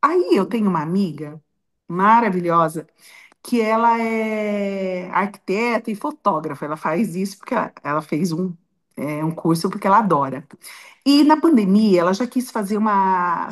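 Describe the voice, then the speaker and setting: A woman's voice: medium pitch, expressive, normal speed, fairly bright tone. A middle-aged Brazilian woman and grandmother, telling a personal story in an interview in a heartfelt, emotional way with many restarts. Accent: Brazilian Portuguese. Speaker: interview guest.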